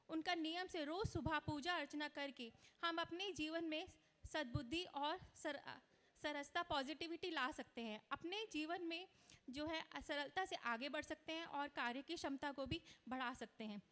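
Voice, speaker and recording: A woman's voice: high-pitched, normal speed, a bit bright. A woman giving an earnest, instructive conference speech on astrology, mixing in English words. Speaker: astrology speaker. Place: conference hall. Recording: long reverb of a large hall.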